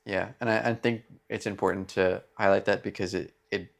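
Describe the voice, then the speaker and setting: Male co-host with a deep voice, posing questions in relaxed faith conversation. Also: brisk, vocal fry. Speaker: podcast co-host asking questions. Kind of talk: casual faith discussion.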